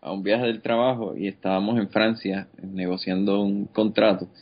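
A man co-hosting a podcast in casual chat, telling anecdotes in a relaxed way and laughing along. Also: lowish voice, moderate pace, highs cut off.

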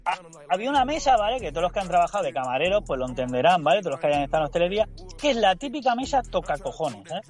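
A man with a Spanish accent telling crude work stories in a casual, animated chat. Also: high voice, very fast, faint music behind. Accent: Spanish from Spain. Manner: crude, animated storyteller who acts out voices. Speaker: waiter telling anecdotes.

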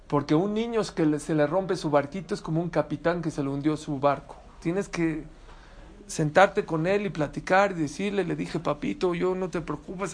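Rabbi preaching, high voice for a man, lively, keeps quizzing the room. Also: slight background noise. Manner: animated, emphatic, asks the audience questions. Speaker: rabbi teaching a Torah class. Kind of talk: sermon.

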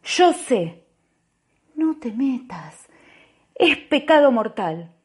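A pious, insistent middle-aged woman with an Argentine accent, as a woman reader puts her on, her voice climbing high and loud as she pleads and scolds. The lines leap around in pitch, and the storybook reading stays measured and unhurried. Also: big pitch swings, heavily acted. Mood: pleading, urgent. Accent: Argentine Spanish. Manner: pleading, raised, urgent.

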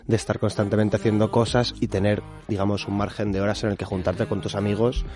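Low-voiced man, thoughtful radio guest. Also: little pitch movement, fairly quick, darkish tone. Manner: thoughtful, searching for words. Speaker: guest, anthropology student. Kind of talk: radio interview answers.

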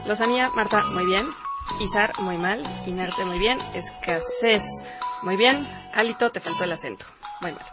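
A woman on a radio show, dictating words and definitions slowly and clearly. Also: mid-range voice, over loud music. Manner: clear, deliberate word dictation. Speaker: radio co-host. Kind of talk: reading out a spelling quiz. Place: radio studio. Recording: dull radio studio audio.

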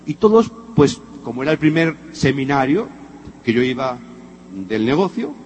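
Lively Spanish man telling a story. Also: mid-range voice, moderate pace, slight background noise. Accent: Spanish, from Spain. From Spain. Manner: animated storyteller acting out dialogue, addressing listeners directly. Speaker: motivational speaker. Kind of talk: storytelling talk to an audience.

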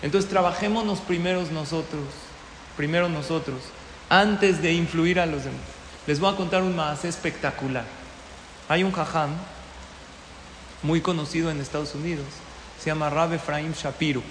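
A man giving a storytelling sermon, an animated teacher who keeps asking his listeners questions. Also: on the high side, normal speed, slight background noise. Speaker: religious teacher. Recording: echoey hall with long reverb.

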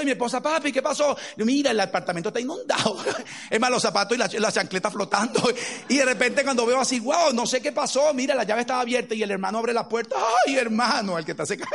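A middle-aged man with a notably high voice delivers a sermon as a pastor. He tells stories in an animated way and acts out what people said along the way. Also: gravelly. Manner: animated storytelling with acted-out quotes.

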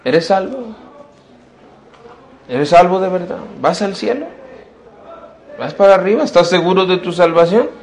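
Pastor, male, fairly high voice, emphatic sermon delivery with repeated rhetorical questions. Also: expressive, a little slow, pauses often, darkish tone, a little hiss or hum. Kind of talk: sermon to youth. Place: church.

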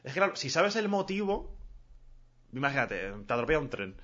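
A man's voice: a little high, big pitch swings, a little fast, a bit bright. A man from Mallorca hosting a live stream, chatting casually with slang and answering viewers' questions. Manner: casual, slangy, laughs a lot. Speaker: streamer host. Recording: dull lo-fi stream audio.

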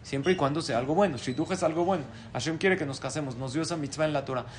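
Animated man teaching a sermon class. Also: a little high, fast talker, a little hiss or hum. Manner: animated storyteller, lively voice changes. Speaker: rabbi.

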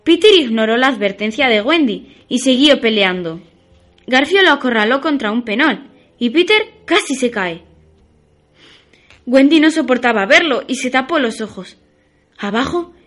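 A woman narrating a children's story on the radio in a lively, expressive way. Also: on the high side, normal speed.

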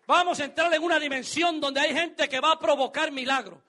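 Male preacher, very high voice, bright and forceful, dramatic delivery. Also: fairly even intonation, fairly quick, slight background noise. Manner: dramatic, builds to shouting. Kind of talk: sermon.

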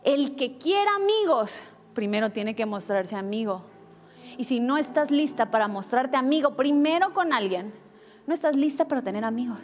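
A woman pastor preaching a sermon, telling a lively personal story and acting out quoted lines. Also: sits high, normal speed. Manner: animated storytelling with acted quotes.

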